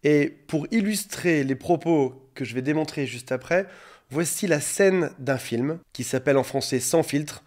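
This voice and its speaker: A man's voice: fairly high pitch, unhurried, darkish tone. A man hosting his own coaching channel, explaining relationships directly to camera and acting out quoted lines now and then. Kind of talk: talking-to-camera coaching monologue.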